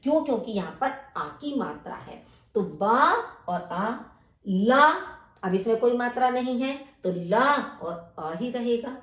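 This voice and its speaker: A woman's voice: on the high side, expressive, unhurried, fairly bright tone. A woman teacher working through a textbook exercise, spelling words out sound by sound and explaining each step. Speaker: Sanskrit teacher. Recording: echoey room.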